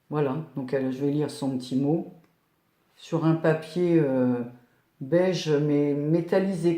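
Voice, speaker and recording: An older woman talks casually while opening letters at home, drifting from thought to thought with plenty of fillers. Her voice is warm and mellow. The room around her rings with a noticeable echo. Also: sits low. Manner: chatty, rambling, many fillers and "voilà". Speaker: scrapbooking YouTuber. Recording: echoey room.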